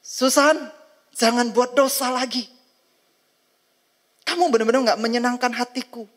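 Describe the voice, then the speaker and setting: Stern fatherly God acted by a woman preacher, high voice, scolding, insistent. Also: normal speed, close to an everyday voice.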